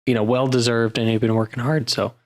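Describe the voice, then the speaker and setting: A man's voice: mid-range voice, little pitch movement, quick pace. A man co-hosting a podcast, chatting casually and giving encouraging advice with some fillers. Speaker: podcast co-host. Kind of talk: casual chat.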